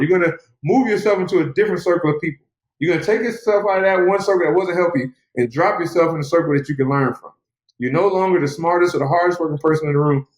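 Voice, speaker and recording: A man talks fast and earnestly, pushing a motivational message in a casual interview. His voice sits a little high. The room around him rings with echo. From United States. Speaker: guest, mixed martial artist.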